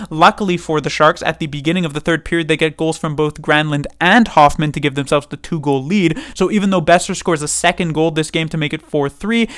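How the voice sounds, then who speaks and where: A man delivers a steady, analytical recap of a hockey game with a slightly raised pitch. His voice sits close to the mic with a dry, roomless sound. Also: clear, resonant tone, no room sound. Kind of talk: scripted-sounding game review.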